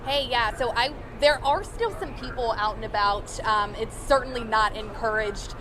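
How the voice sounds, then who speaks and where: A woman's voice: fairly high pitch, moderate pace. A woman giving a conversational live field news report from outdoors on a windy city street. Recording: windy street noise, clearly audible.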